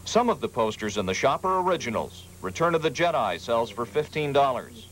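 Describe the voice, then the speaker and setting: This is an American TV news reporter reading scripted feature narration from a 1980s television broadcast. His voice sits at medium pitch with big swings, fairly quick and fairly bright. Audio quality is poor, with faint background noise.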